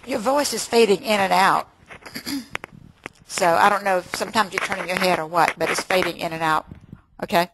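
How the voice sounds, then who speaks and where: A woman on a call line, heard faintly through static, politely breaking in and speaking up loudly. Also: medium pitch, moderate pace, long pauses. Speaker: webinar participant on a call line.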